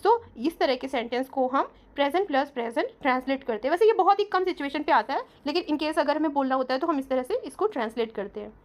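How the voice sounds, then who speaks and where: A woman with a high, light voice leads an English grammar lesson. She explains patiently and step by step, and slows right down whenever she reads an English example sentence. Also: lively intonation. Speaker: English teacher.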